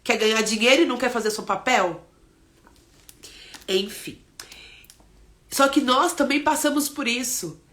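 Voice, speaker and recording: A woman's voice: fairly high pitch, unhurried, long pauses, fairly bright tone. A woman with a Brazilian accent giving an emphatic motivational talk, often checking in with "né?". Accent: Brazilian Portuguese. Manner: earnest, emphatic, admonishing, with many "né?" tags. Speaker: speaker on insecurity and parenting.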